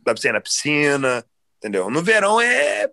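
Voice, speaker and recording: A young man from Brazil, a guest on a podcast, chatting in a relaxed, rambling way. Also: a little high, brisk, vocal fry, no echo. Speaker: podcast guest, jiu-jitsu athlete. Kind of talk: casual chat.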